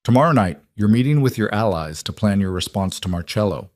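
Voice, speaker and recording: A man's voice: on the low side, animated, fairly quick, a little mellow, no room sound, studio quality, close to an everyday voice. A man voicing a frightened young woman caught in mob danger, pleading and tearful, in an audiobook character reading. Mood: resigned.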